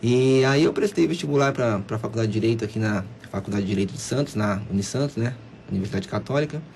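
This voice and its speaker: A Brazilian man in his late twenties answers on live radio in a fairly low voice. He stops and restarts his phrases, then rushes ahead. A faint ambience runs under the studio sound. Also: vocal fry, a little mellow, a little hiss or hum. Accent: Brazilian Portuguese, São Paulo coast. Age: 20s. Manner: hesitant, repeats words, then speeds up. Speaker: guest lawyer.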